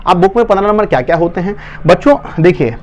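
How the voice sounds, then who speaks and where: A man's voice: high voice, lively intonation, quick pace, darkish tone. A male online tutor with a Bihari Hindi accent, giving an urgent, coaxing exam-prep lesson to students.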